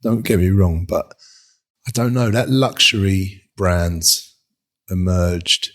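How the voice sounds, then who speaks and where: A man's voice: deep voice, slow pace, a bit bright. A man, a designer, chatting in an interview in a rambling, self-mocking way and laughing often. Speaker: furniture designer, guest. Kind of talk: casual interview chat.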